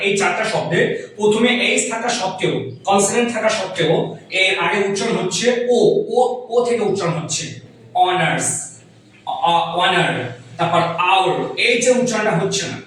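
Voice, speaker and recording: A man with a fairly high voice teaches a grammar lesson, sounding out each letter and repeating himself patiently. He is recorded from a distance in a very echoey bare room. Faint background noise sits under his voice. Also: fairly bright tone. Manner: repeats words and asks "understood?"; spells out sounds slowly, writing as he talks. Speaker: English teacher. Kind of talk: explaining grammar in a classroom lesson. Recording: very echoey room, voice far from mic.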